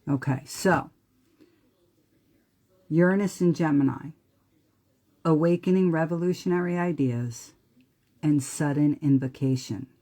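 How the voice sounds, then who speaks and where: A woman with a New Jersey accent gives a live astrology talk, earnest and emphatic, with occasional profanity. Her mellow voice sits low, and she speaks unhurriedly with frequent pauses.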